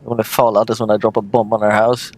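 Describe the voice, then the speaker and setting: A man's voice: fairly low pitch, flat delivery, fast talker, darkish tone. A man voicing a crude, boisterous, hungover cyborg in his forties in a video game.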